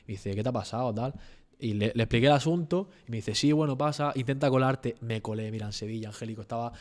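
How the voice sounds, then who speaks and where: A young man from southern Spain with an Andalusian accent, telling a story as a guest in a relaxed, slang-heavy chat. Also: medium pitch, fast talker. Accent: Andalusian Spanish. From Almería, Spain. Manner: slangy, animated storytelling, full of street fillers. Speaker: rapper and freestyle battler, guest.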